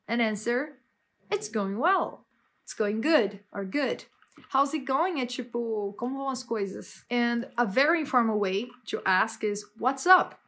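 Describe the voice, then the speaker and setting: Lady teaching english, upbeat and lively, kinda high voice. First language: Portuguese. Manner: lively, enthusiastic, switches between languages. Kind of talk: bilingual English lesson.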